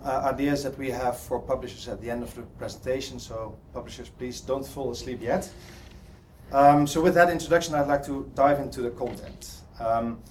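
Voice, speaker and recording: A Dutch man from the Netherlands gives a hesitant presentation in a conference hall, full of ums and restarts. His mid-range voice has a darkish tone, with slight background noise.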